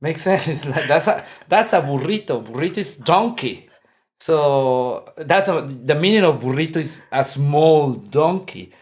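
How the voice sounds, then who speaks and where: A Mexican man in his forties, a martial arts instructor, is a guest in a casual interview, seated in an indoor room. His voice sits on the high side and sounds animated, at a measured pace, with a Mexican Spanish accent. He laughs often and keeps restarting his sentences.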